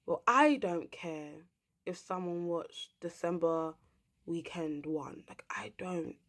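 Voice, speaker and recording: A young woman from England, ranting casually to camera as a vlogger, rambling and swearing bluntly. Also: lowish voice.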